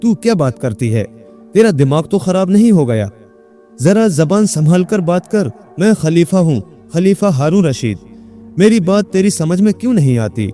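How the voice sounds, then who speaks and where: A man's voice: sits high, expressive, normal speed, mellow, faint music behind. A man voicing a hot-tempered young man who believes he is the caliph and barks angry commands. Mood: angry, commanding.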